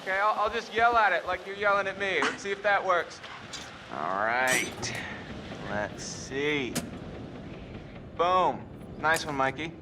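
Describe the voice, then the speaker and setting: A man's voice: mid-range voice, lively intonation, extremely slow, long pauses. An actor playing a playful young man who jokes around to impress his date, in video game dialogue. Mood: joking. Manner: playful and joking. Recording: game audio with loud ambient noise.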